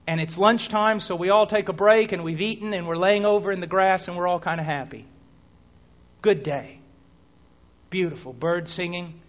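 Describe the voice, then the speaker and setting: High-voiced preacher, hushed to shouting. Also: male voice. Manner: dramatic storytelling, swinging from hushed near-whispers to shouts. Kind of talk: sermon. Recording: dull lo-fi recording.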